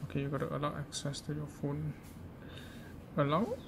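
A man presents an informal, step-by-step gadget how-to, hesitant and repetitive. His voice is fairly high and flat, at normal speed, in a clearly noisy amateur recording.

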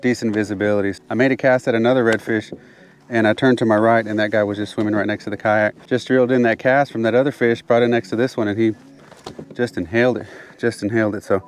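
A man narrating his fishing trip from a kayak outdoors, excited and repeating himself, a bit out of breath from the heat. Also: fairly low pitch, quick pace, a little hiss or hum. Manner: excited, repeats phrases, drops to hushed whispers when sight casting. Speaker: fishing channel host. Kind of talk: casual outdoor narration to camera. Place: kayak on open water outdoors.

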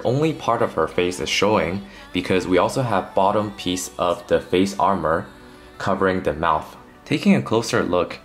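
A man narrating a toy unboxing review as host of his channel, earnest with light jokes. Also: sits low.

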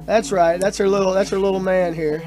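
A man's voice: high voice, fairly even intonation, brisk. A man hosting a casual radio chat, joking and rambling as he jumps between thoughts. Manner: joking, rambling, self-interrupting. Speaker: radio host. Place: radio studio. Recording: music playing under the talk.

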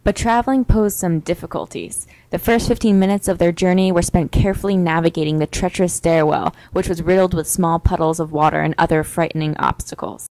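Young woman narrator, low-ish voice, deadpan mock-heroic delivery, dry close sound. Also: fairly quick, hardly any pauses, no echo, poor audio. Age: young adult. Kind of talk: mock-epic storybook narration.

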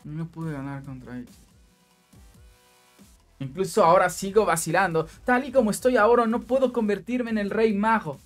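A woman's voice: mid-range voice, moderate pace, soft background music, close to an everyday voice. A woman reading aloud the lines of a young male knight brooding over a defeat, in an earnest tone. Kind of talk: reading manga dialogue aloud.

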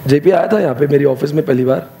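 Brief: young male teacher, light mellow voice, storytelling motivational talk with a faint hum of room behind. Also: a little high, fast, gravelly. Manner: storytelling, mixes Hindi with English phrases. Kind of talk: emotional motivational speech.

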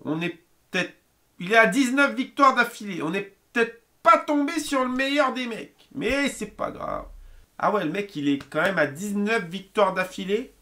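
A man doing loud, excitable live commentary on a football video game, with frequent outbursts and swearing. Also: sits high, moderate pace. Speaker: gaming streamer. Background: music playing.

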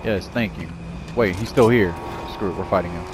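A man's voice: normal speed, noisy background. A man hosting a gaming channel, giving anxious, jittery commentary on his own gameplay and talking straight to his viewers. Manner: jittery, anxious self-talk addressed to viewers; breaks into high panicked yelling when in danger.

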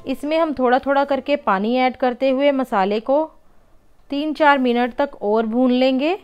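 A woman's voice: high voice, measured pace, clean tone, lo-fi sound, faint music behind. A woman hosting a home cooking channel, patiently explaining each step of a recipe in a voice-over and often calling her viewers friends.

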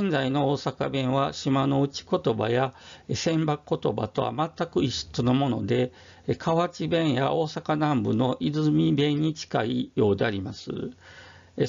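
A man with an Osaka accent gives an explanatory monologue, speaking in a measured, formal way with many "um" fillers. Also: medium pitch, gravelly, a little mellow, muffled recording. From Osaka, Japan. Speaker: YouTube history presenter.

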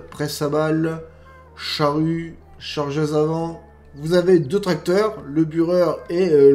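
A gaming YouTuber reviews game mods while commenting casually over gameplay, full of fillers and friendly asides, calling his viewers "guys." He has a non-standard French accent, and his voice is on the high side with a darkish tone.

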